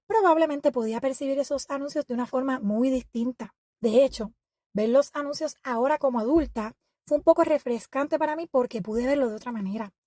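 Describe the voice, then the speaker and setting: A woman hosting an educational podcast, reading a scripted narration in a measured, reflective and explanatory way. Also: high-pitched, dark tone, no echo, studio quality. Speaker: podcast host.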